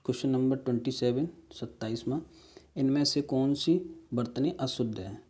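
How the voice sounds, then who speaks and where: A man's voice: mid-range voice, normal speed, dark tone. A man teaching an exam-prep spelling lesson, going through questions step by step and asking viewers rhetorical questions. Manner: explains step by step, repeating words and "ठीक है".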